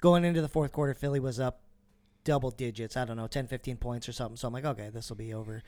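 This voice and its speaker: Sports podcast co-host, man, relaxed, cussing, dry recording. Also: medium pitch, quick pace, dry recording. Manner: laid-back, swears freely. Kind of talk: casual sports chat.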